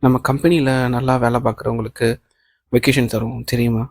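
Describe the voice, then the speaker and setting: Kind, encouraging office boss, read by a man, calm and reassuring, gravelly voice, dry audiobook sound. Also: mid-range voice, a little fast, no echo. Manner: calm, reassuring talk mixing English phrases. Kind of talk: audiobook reading of a novel.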